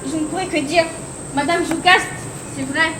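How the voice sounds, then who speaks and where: A woman's voice: extremely high pitch, steady tone, moderate pace, noisy background. A teenage girl acting a fussy, scolding old nurse who fusses over her charge in a school stage play. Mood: lamenting. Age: teens. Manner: scolding, lamenting. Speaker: student actor. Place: theatre hall. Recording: echoey hall, insects behind.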